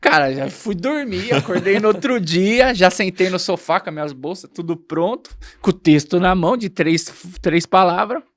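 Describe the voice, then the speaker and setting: Lively Brazilian man telling a story. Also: sits high, moderate pace, few pauses, no room sound, clean studio sound. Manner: lively storyteller acting out quoted dialogue. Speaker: guest, nursing technician and actor. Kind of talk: animated anecdote in casual chat.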